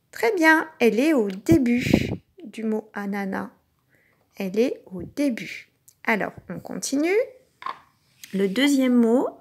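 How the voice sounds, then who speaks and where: A woman teacher giving a recorded lesson to young children, speaking patiently and sounding out each syllable clearly. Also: sits high. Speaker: kindergarten teacher.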